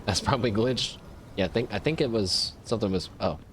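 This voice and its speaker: Low-voiced man chatting over gameplay. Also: fairly quick, slight background noise. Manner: chatty, jokey, self-mocking. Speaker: gameplay commentator. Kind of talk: casual let's-play commentary.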